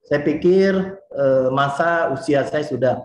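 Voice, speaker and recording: A man in his forties from Indonesia giving a lively, chatty motivational talk and speaking straight to his listeners. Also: medium pitch, slow, reverberant, slight background noise. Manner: lively and chatty, often addresses the listeners directly.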